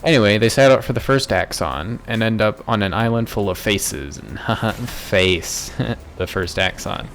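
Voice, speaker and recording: Low gravelly dude recapping a game story, jokey and rambly. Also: male voice, a bit bright. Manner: joking, offhand, rambling asides. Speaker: gaming YouTuber.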